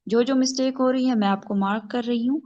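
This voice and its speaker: A woman's voice: on the high side, fairly even intonation, a little mellow. Woman teacher, online class, patient corrections, video call, muffled lo-fi sound. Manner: patient, correcting students step by step. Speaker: Quran recitation teacher.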